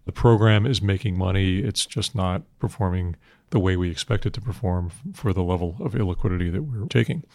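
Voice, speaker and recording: An older man answering interview questions on finance in a measured, matter-of-fact investment banker manner, heavy with industry jargon. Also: deep voice, darkish tone, dry recording, studio quality. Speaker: institutional investment manager being interviewed.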